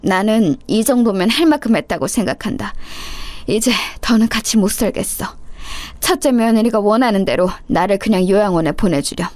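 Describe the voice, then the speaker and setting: A woman voicing a hurt, weary elderly mother in a storybook reading, speaking in a grave, measured way. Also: mid-range voice, expressive, darkish tone, no echo, natural voice.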